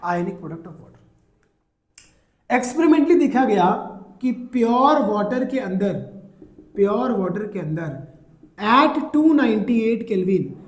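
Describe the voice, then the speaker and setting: A man with a high, darkish voice lectures on chemistry in a classroom with reverberant acoustics. He asks students questions and answers them himself, calls them "beta," and mixes English terms into his talk, drawing them out slowly.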